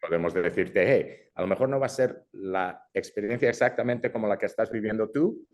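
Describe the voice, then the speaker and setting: He talks fairly quickly in a lowish register. The speaker, a young Brazilian man who grew up in Madrid, is a filmmaker guest giving a relaxed interview, peppered with English fillers and restarted sentences.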